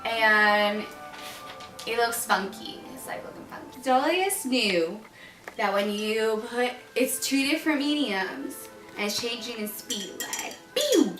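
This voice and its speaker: A woman stumbles and jokes her way through a homemade class video, speaking slowly and at length. She sounds far from the mic in an echoey room, with music playing behind her. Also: on the high side. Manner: rambling, joking, stumbling over words. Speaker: student presenter.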